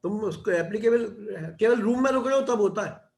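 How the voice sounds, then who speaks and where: In an echoey room, a middle-aged teacher speaks briskly in a high, slightly mellow voice. His lecture is chatty and informal, and he keeps tossing in "है ना" to check in with the class.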